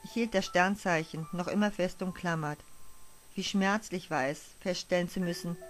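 A woman narrating a first-person audio drama in a hushed, wistful storytelling manner, over faint music. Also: lowish voice, steady tone, moderate pace.

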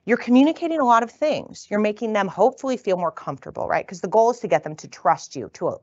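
Fast-talking woman giving a lecture. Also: medium pitch, expressive, a little mellow, dry recording, lo-fi sound. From northern United States. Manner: quick, conversational, tags lines with "right?". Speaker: physician lecturer. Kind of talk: continuing-education lecture. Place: lecture room.

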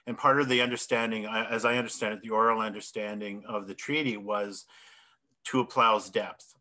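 A middle-aged man with a lowish, steady voice speaks briskly and with a sharp edge, picked up by a webcam on a video call. He is an artist presenter on a panel, joining from a home office full of bookshelves and plants. He talks reflectively, gesturing as he goes and correcting himself along the way.

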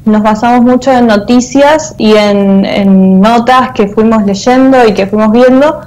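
Here a guest on a video call, a theatre artist and teacher in her thirties with an Argentine accent, talks through her interview answers conversationally at a measured pace. Her voice leans high with a darkish tone, and the earphone mic makes the audio poor.

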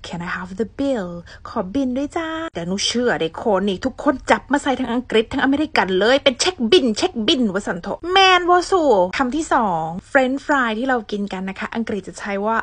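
A woman's voice: on the high side, lively intonation, fairly quick, few pauses, no room sound. A Thai woman with a Northeastern Isan accent teaching English vocabulary in a casual, chatty way, saying each English word twice.

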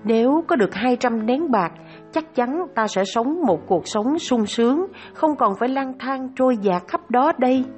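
A woman's voice: on the high side, lively intonation, moderate pace, darkish tone, faint music behind, pitched above the performer's own voice, close to an everyday voice. Woman voicing a greedy scheming swordsman. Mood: musing. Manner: feigned wailing and smooth persuasion. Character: greedy scheming male swordsman turned killer.

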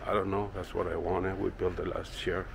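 Holding the camera himself, a woodworking channel owner gives a loose, relaxed walking tour of his backyard garden and then his indoor workshop. His voice is low-pitched and gravelly, his pace moderate, and he rambles with plenty of fillers over a noisy background.

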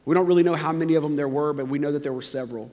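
Speaking very fast, a male pastor tells his sermon's story with lively shifts between loud excitement and hushed, low moments, dropping in casual fillers. The church auditorium leaves a long reverb tail.

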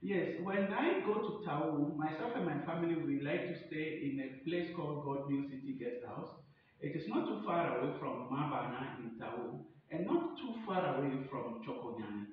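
A man in his thirties plays a chatty, eager receptionist recommending a place in an acted promotional skit, speaking animatedly at normal speed with light acting. It was recorded indoors in a tiled front room by a distant camera or phone, so the sound is echoey and dull, with rumbling noise.

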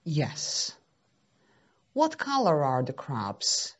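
Female teacher, native Serbo-Croatian, husky and slow, patient delivery as if reading to a toddler. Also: low voice, wildly swooping pitch. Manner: patient step-by-step questions and repetition. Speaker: English teacher for young children. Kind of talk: slow, simple lesson for small children, like reading to a toddler.

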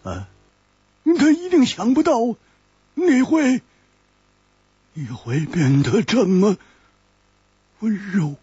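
Brief: man doing a carefree drinking swordsman, husky and halting, dull lo-fi audiobook sound. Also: sits high, wildly swooping pitch, warm tone, no room sound, voice pushed up, heavily acted. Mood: gentle. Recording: dull lo-fi recording.

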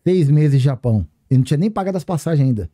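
A man with a Brazilian Portuguese accent, a podcast guest telling a story in casual chat, animated and slangy, acting out the dialogue. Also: on the high side, rapid-fire.

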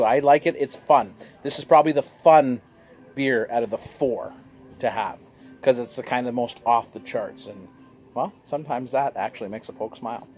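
A jovial, chatty man, reviewing a beer for his vlog on a sunny outdoor patio, recorded by a camera across the table. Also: medium pitch. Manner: jovial, chatty, animated gestures. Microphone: fixed camera across a table.

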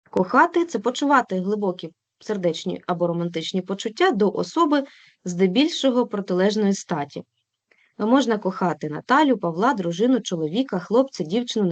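Woman lecturer, online teacher training. Dry, close sound, mid-range voice. Reads word pairs in a measured, clearly enunciated way. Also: medium pitch, darkish tone, no echo. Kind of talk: instructional presentation, read from notes.

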